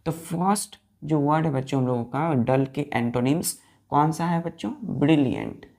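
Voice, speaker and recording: A woman's voice: low-pitched, animated, normal speed, vocal fry, warm tone. A woman teaching English vocabulary to children, spelling each word letter by letter and repeatedly asking them to say it back. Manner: mixes Hindi explanations with English words. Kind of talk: classroom-style vocabulary lesson.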